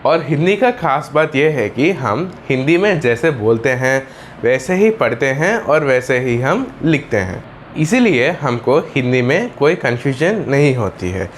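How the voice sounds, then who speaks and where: A man's voice: mid-range voice, sing-song, unhurried. A man teaching a lesson who asks questions and answers them himself, repeating his phrases. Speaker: English teacher. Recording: echoey room, far from mic, faint noise.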